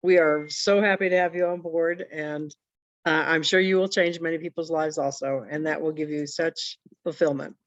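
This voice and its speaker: A woman's voice: low voice, fairly even intonation, moderate pace, no room sound. A woman hosting a team video call, welcoming newcomers in an affirming way. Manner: warm, encouraging and affirming. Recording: dull video call audio.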